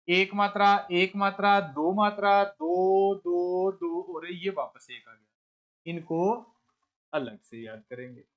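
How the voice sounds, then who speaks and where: A male teacher with a fairly high voice leads an exam-prep lesson on verse meter. He puts a question to the class, repeats it, and answers it himself. He counts out beats one by one in a steady drilling rhythm. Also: highs cut off. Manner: counts syllable beats aloud step by step. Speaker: Hindi teacher.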